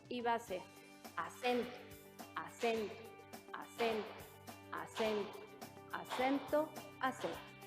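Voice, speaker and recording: High-voiced woman teacher chanting rhythm counts. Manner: patient explaining, chanting counts over hand claps. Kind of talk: instructional demonstration for children.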